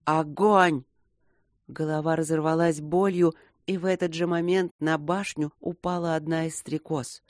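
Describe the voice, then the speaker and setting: A man narrating an audiobook in a measured way, slowing down at tense moments. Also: fairly high pitch, little pitch movement, a little mellow, dry recording, clean studio sound. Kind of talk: scripted narration.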